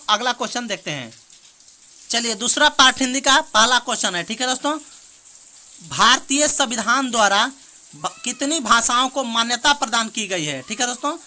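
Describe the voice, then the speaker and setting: A woman teaching exam prep, reading out multiple-choice questions and answers quickly and often saying "theek hai doston", with rain behind her. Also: fairly high pitch, sharp tone. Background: rain heard in the background.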